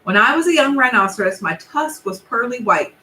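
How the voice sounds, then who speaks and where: Storybook creature: a self-pitying old rhinoceros, wailing and theatrical, pitched up, bright, read by a woman. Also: animated, fairly quick, distant mic, slight background noise. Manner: wails and frets, theatrical. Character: weepy vain old male rhinoceros. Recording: echoey room.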